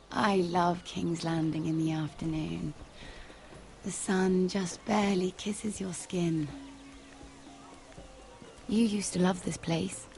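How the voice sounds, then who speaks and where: A woman's voice: on the low side, steady tone, takes it slowly, vocal fry, long pauses, darkish tone, slight background noise. A woman playing a playful young lady at court in a video game, teasing and coaxing in a leisurely way. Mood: wistful, coaxing.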